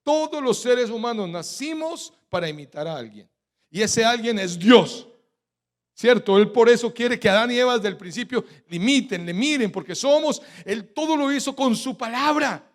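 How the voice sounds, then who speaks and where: Colombian male pastor, high pitch, emphatic sermon cadence with call-and-response questions. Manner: rhetorical questions, has the congregation finish his sentences; emphatic preaching cadence with sudden loud stresses. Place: church.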